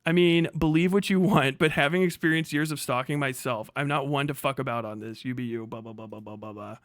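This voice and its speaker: A man's medium-pitched voice runs at a brisk pace as he hosts a livestream, reading messages and reacting in a vehement, profane rant. He sounds agitated. The clean studio recording has no echo.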